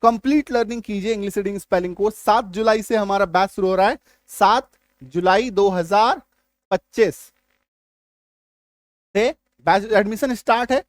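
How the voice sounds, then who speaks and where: High-voiced man teaching English pronunciation. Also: normal speed, long pauses, no echo. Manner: repeats "ठीक है?" and "है ना?" to check understanding; stresses key sounds loudly, then drops back to conversational. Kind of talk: YouTube English lesson.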